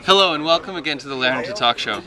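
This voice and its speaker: A young man from Chicago with an American accent, a native English speaker hosting a casual chat on a rooftop, talking in halting learner German and pausing to search for words. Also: medium pitch, lively intonation, music in the background. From Chicago, USA. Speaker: host. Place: outdoor city rooftop terrace.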